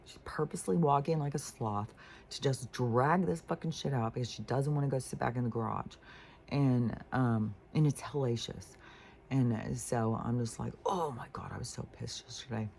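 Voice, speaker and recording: Vlogger, casual storytelling, swears a lot, rambling, gravelly creaky voice, mid pitch. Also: moderate pace, a little mellow, a little hiss or hum. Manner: profane, rambling, venting.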